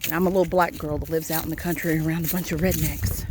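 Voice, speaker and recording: A woman's voice: sits low, little pitch movement, fast, noisy background. A woman casually vlogging outdoors in the countryside while walking and foraging, chatty and self-deprecating.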